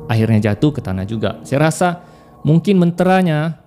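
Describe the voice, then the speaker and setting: A young man telling a story in a lively, casual way. His voice sits a little high and swings widely in pitch as he laughs and mimics the people in it. Faint music plays behind him. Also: moderate pace.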